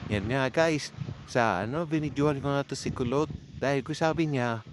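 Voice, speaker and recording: In a clearly noisy amateur recording, a Filipino-accented vlogger talks directly to his audience in a casual, chatty way. He has a mid-range voice and keeps a moderate pace.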